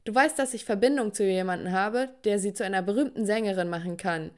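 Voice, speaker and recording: A woman's voice: mid-range voice, fast talker, a little mellow, natural voice. A woman plays an eager middle-aged man in a cartoon story, coaxing and persuasive. The voice stays in a middle register, close to her own. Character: father's friend, an enthusiastic middle-aged man.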